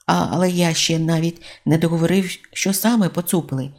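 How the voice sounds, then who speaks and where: A reader voicing a courteous young male watch captain in an audiobook, calm and earnest even when trouble brews. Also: medium pitch, fairly quick, lightly acted. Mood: calm, polite. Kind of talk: audiobook character reading.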